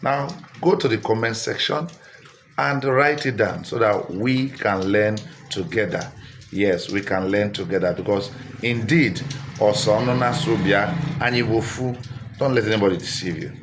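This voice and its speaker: Low-voiced Nigerian man vlogging. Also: moderate pace, noisy background. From Delta State, Nigeria. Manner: repetitive, engaging, coaxing viewers to comment. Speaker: social media creator. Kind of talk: casual direct-to-camera vlog.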